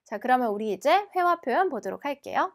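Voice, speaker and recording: Woman teacher, high voice, lively pitch, slow careful repetition. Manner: explains slowly, repeats words carefully. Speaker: French teacher. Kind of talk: language lesson.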